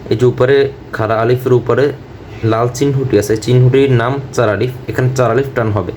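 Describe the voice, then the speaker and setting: A man teaching Quran recitation word by word. He chants each phrase slowly and repeats it, then explains the pronunciation rules. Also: mid-range voice, fairly even intonation, a little mellow, a little hiss or hum.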